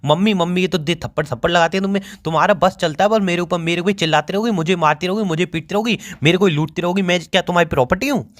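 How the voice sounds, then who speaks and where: Young man in his twenties, rapid speech, whiny joking tone, casual phone banter. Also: high-pitched, a bit bright. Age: 20s. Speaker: boyfriend on a phone call.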